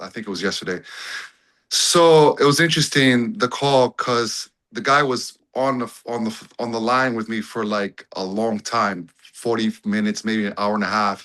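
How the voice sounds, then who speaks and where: Casting: man, bright tone, relaxed storyteller calling in over a video call. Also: medium pitch, rough recording. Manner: easygoing storyteller. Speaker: audience member calling in. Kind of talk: casual call-in chat.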